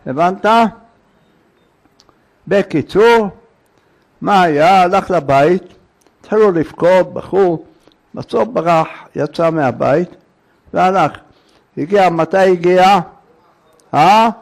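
High gravelly religious teacher. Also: male voice, long pauses. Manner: prods listeners with questions, short clipped phrases. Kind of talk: storytelling Torah lesson.

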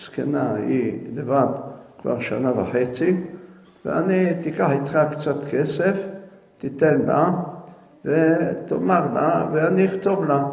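A man telling a folk tale live to an audience, in a halting, searching way. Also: fairly high pitch, gravelly. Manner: hesitant, halting restarts. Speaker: storyteller. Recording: echoey hall, dull lo-fi sound.

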